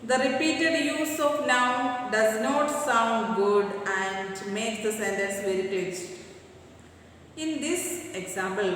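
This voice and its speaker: Slow-spoken Malayali woman teacher, echoey room. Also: fairly high pitch, fairly bright tone, a little hiss or hum. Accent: Malayali English. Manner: slow deliberate English, rapid Malayalam explanations. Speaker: English teacher. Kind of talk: recorded online class lesson. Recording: echoey room, distant mic.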